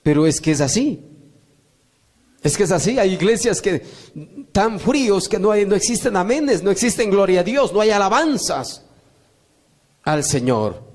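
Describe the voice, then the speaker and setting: Man, pastor, high voice, emphatic repetitive sermon. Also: sing-song, normal speed, long pauses. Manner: emphatic, repetitive preaching with rising calls of amen.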